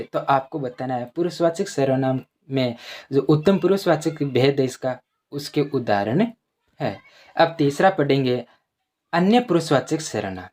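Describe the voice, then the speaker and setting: A teacher walking students through a grammar lesson. The voice reads out example words slowly, one after another, and says each example sentence twice so it sinks in. It asks questions and answers them itself. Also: mid-range voice, a little mellow.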